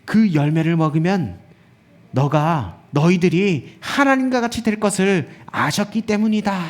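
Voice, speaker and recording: A sly male serpent tempter, put on by a preacher, speaks in a soft, coaxing whisper. The voice sits fairly high for a man and stays hushed and smooth as he tempts. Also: expressive, measured pace.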